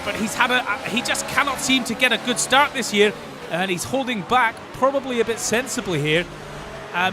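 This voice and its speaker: A man giving informal, chatty play-by-play as a motorsport commentator. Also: extremely high pitch.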